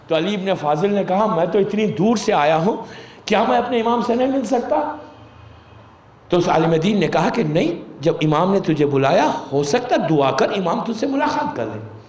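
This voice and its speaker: High-voiced man preaching in an echoey hall. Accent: Indian Urdu. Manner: explains with everyday examples, mixes English words into Urdu; pleading, urges listeners directly. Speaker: Shia cleric giving a majlis sermon. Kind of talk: sermon. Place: religious gathering hall.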